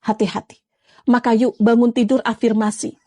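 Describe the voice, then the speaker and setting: Woman, high-pitched, dry recording, lively sermon style. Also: normal speed, no room sound. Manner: lively, coaxing, addresses viewers as friends. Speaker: Islamic preacher. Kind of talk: live-streamed religious talk.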